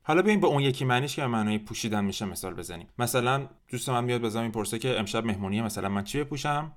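A man teaching French verb conjugation, explaining quickly and then saying each phrase very slowly for the listener to repeat. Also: medium pitch, animated. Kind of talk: language lesson, slow modelled repetition.

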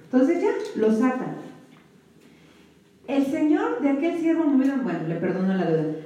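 A woman's voice: sits high, very animated, moderate pace, dark tone, muffled recording. A woman teaching a Bible lesson to a women's group, often stopping to check that her listeners follow. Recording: echoey room, mic far off.

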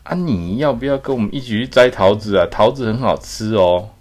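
A man voicing three naive, friendly little mice in a bedtime storybook, with a higher, eager, chirpy voice. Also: brisk, darkish tone, close to an everyday voice. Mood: curious.

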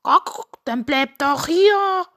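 A woman's voice: high voice, very slow, gravelly, fairly bright tone, pitched above the performer's own voice, exaggerated voice. A woman voicing an eager, fussy young male farmyard bird who quacks between his words, in a storybook reading. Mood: eager quacking.

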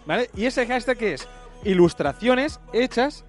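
A man co-hosting a casual podcast, reacting with animated enthusiasm. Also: very high voice, unhurried, soft background music. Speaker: podcast co-host.

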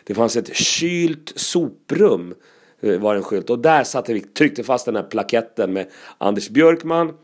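A comedian telling casual, lively anecdotes, with laughs and asides. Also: male voice, mid-range voice.

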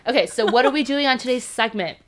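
A woman's voice: fairly high pitch, fast talker, a crowd in the background. A woman co-hosting a casual podcast chat, telling stories with animation and laughing often. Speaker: podcast co-host.

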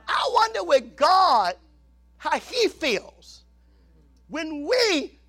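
Pastor, male, 50s; very high, bright gravelly voice, lively sermon delivery that drops from shouts to near whispers. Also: drawn-out words. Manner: swings between shouted preaching and hushed asides.

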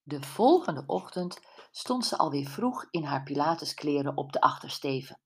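A woman narrating a mystery audiobook in a steady, measured reading voice. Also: low voice, breathy edge.

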